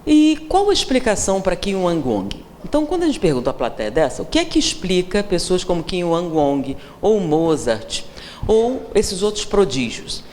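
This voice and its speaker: A woman's voice: on the low side, big pitch swings, normal speed, a little mellow. A Brazilian woman with a Brazilian Portuguese accent, giving a seminar lecture, teasing the audience with questions and acting out the people she quotes. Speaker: seminar speaker. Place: lecture hall. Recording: reverberant hall, faint room noise.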